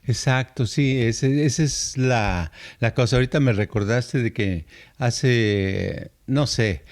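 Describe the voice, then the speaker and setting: Older male co-host, animated storyteller, medium pitch. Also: slow pace. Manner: storytelling, animated, acts out quoted voices with laughs. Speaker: podcast co-host. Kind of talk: casual conversational podcast chat.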